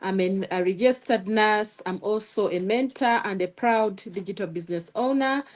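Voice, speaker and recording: A woman's voice: mid-range voice, moderate pace. Woman guest, upbeat, inviting. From Uganda. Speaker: panel guest. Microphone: video call.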